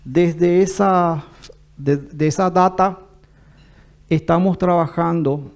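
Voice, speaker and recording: Slow Paraguayan man mixing Portuguese and Spanish. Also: fairly high pitch, steady tone. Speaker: government official giving a talk. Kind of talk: formal public address.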